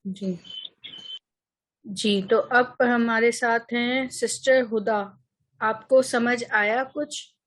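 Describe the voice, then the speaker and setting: A woman's voice: a little high, steady tone, drawn-out words, pauses often. A woman teaching an online Arabic grammar lesson, patient and encouraging, often checking that students follow.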